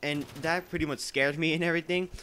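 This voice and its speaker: A teenage boy rambles through a story over gameplay, his voice sitting a little high. He leans on filler words and restarts as he talks casually. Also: fairly even intonation, fast talker, bright, forceful tone, slight background noise. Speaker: gameplay commentator.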